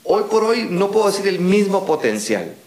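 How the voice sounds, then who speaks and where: A man's voice: high-pitched, normal speed, echoey room. A man with a Guatemalan accent, a guest in a casual podcast conversation about running a dubbing studio, who tells his story with animation and keeps checking in with "¿verdad?". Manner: animated storyteller who acts out quoted replies, tags lines with "¿verdad?".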